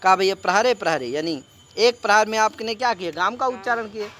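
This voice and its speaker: A man's high, pushed, bright voice moves briskly through a Sanskrit lesson. He mixes recited texts with Hindi explanation, repeatedly putting questions to his students.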